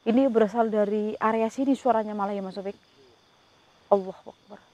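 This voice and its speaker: A woman's voice: medium pitch, fairly even intonation, brisk, a little mellow. A woman ghost hunter outdoors, coaxing and pleading with a spirit and muttering prayers under her breath. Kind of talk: paranormal investigation commentary. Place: outdoors at night before rain.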